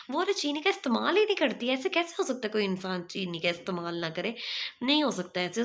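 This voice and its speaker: A woman's voice: a little high, creaky, a bit bright. A young woman, talking into a phone at arm's length in a small room, mocking and scolding in a sarcastic commentary vlog. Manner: sarcastic, scolding, name-calling. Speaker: vlogger.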